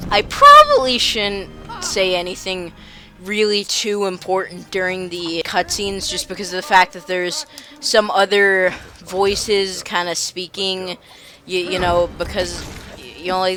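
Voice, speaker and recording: A man's voice: high-pitched, pushed and bright. A young man hosting a let's play, rambling and stammering through casual commentary and poking fun at himself. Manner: rambling, stammering, self-mocking.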